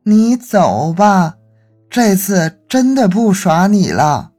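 A mischievous teenage boy posing as a little ghost, as a storyteller puts him on, pitched high above the teller's usual voice with a husky edge. He teases and wheedles in a lively, sing-song way, stretching his words out slowly, with faint music under the storybook reading. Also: full character voice. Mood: coaxing. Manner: teasing, then pleading and whimpering.

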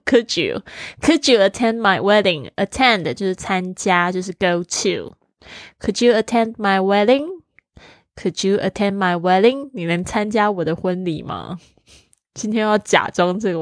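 A middle-aged woman talks through an English lesson like a chat with friends, leaping up in pitch as she tells stories. Her voice sits a little low for a woman. The recording is close and dry, with no room echo. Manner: chatty, animated storytelling with frequent pitch jumps. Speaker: English teacher. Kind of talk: casual spoken lesson.

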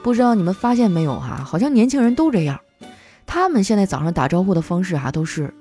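Animated chatty woman telling funny stories. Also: mid-range voice, fast. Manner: chatty, playful, acts out quoted coworkers. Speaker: host. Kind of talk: comic storytelling monologue. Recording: faint background music.

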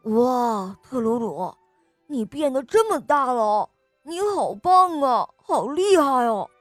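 A squeaky, easily frightened little mouse from a children's storybook, as a woman puts it on. The voice sits high and moves slowly. The recording is dry and close, with soft music faintly under it. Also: no echo. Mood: admiring. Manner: squeaky, excitable, stammers when scared. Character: timid little mouse, small and easily scared. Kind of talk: storybook character voice.

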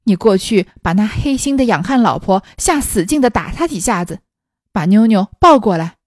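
A woman's voice: medium pitch, expressive, normal speed, no room sound, studio quality, lightly acted. A woman voicing a proud, ailing young noblewoman in her twenties who speaks in a scornful, cutting, weary way. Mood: angry. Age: 20s.

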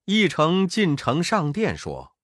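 A man narrating a children's story in a lively, expressive way. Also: a little high, slow pace, dry recording, clean studio sound.

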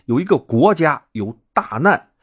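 A man's voice: fairly high pitch, big pitch swings, a little slow, slightly rough, heavily acted. A man voicing an earnest young male prince consort who pleads on an urgent errand. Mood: pleading.

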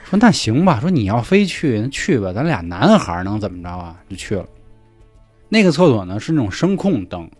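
Fast-talking man telling ghost stories. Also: on the low side, very animated, dry recording, soft background music. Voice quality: colloquial, acts out dialogue in hushed voices. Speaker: podcast storyteller. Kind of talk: casual ghost story telling.

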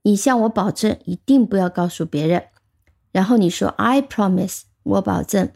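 A woman teaching English vocabulary, explaining patiently step by step and slowing down on the English words. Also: mid-range voice, creaky, mellow. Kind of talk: vocabulary lesson.

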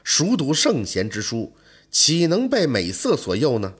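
Upright young scholar, stiff and principled; a man voices him, husky voice, earnest and firm delivery. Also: mid-range voice, huge pitch swings, a little slow, heavily acted. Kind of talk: storytelling role voice.

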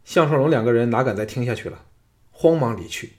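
Male audiobook narrator, steady and measured, average pitch.

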